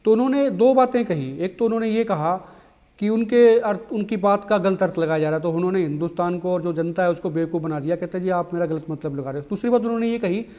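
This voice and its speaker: A man's voice: high-pitched, fast talker, mellow. A man interviewing a guest, asking questions and affirming her with frequent hums.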